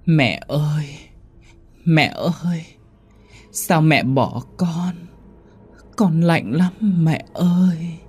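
A man voicing the ghost of an abandoned small child, pleading slowly in a high, plaintive wail. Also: husky, faint music behind, heavily acted. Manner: slow, plaintive, wailing.

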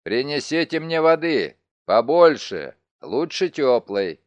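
A man voicing a calm, stern male police commissioner who accuses and gives orders firmly, in an audiobook. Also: mid-range voice, takes it slowly, dry recording, dull audio. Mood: urgent, commanding. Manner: firm, commanding.

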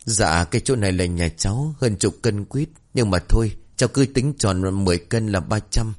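A man's voice: lowish voice, moderate pace, a little mellow, natural voice. A man voicing a plump fruit-seller woman speaking in a friendly, chatty way.

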